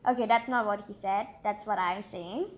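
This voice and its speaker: A woman who hosts a channel reads a children's storybook aloud expressively at a moderate pace and medium pitch. She breaks off now and then for chatty, exclamatory asides of her own.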